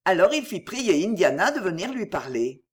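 A narrator reading a classic novel aloud in an expressive, even-paced style. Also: medium pitch, normal speed, breathy edge. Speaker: audiobook narrator.

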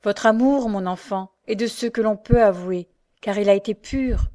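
A woman's voice: medium pitch, normal speed, dark tone, lightly acted. A woman reading the part of an anguished, devoted young woman in an audiobook, impassioned and pleading.

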